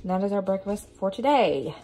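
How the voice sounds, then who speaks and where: A woman's voice: mid-range voice, animated, fairly quick, warm tone. A woman in her thirties with a Southern US accent, chatting casually through a home cooking vlog in her kitchen. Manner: chatty, upbeat, narrates while cooking. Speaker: vlogger.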